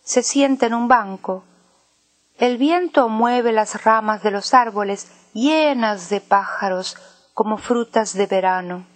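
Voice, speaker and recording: A woman reading a children's story aloud with a slow, clear and expressive delivery. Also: fairly high pitch, no echo. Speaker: narrator.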